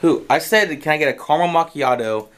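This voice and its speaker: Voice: medium pitch, quick pace, fairly bright tone. A vlogger chatting casually and trading playful, argumentative banter. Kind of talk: casual vlog chat.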